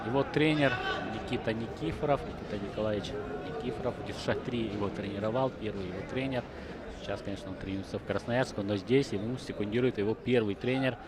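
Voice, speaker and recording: A man's voice: on the low side, quick pace, over a noisy crowd. A man giving conversational live wrestling commentary, thinking through the bout as he talks. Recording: noisy sports hall broadcast. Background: loud arena noise.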